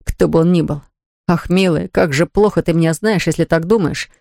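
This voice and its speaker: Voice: mid-range voice, normal speed, vocal fry, darkish tone, no echo, clean studio sound, lightly acted. A reader voicing an ardent young man who earnestly begs his sweetheart. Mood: imploring. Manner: earnest, imploring.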